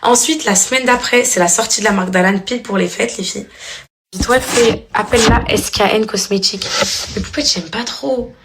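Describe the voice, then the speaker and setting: A tired mother in her thirties chats affectionately with viewers in a home family vlog, calling them "les filles." Her voice is a little high and a little fast, with background noise present.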